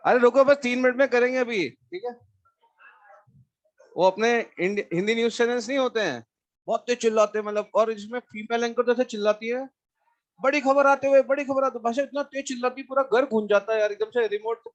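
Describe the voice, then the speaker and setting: Guy teaching math online, pretty high voice, chats w students then explains step by step. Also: steady tone, fairly quick. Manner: mixes Hindi with English math terms, asks students questions.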